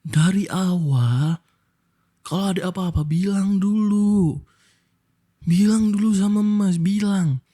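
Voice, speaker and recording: A man's voice: high-pitched, takes it slowly, long pauses, warm tone. A young Indonesian man in a whispered role-play as a husband, scolding his wife with hurt reproach.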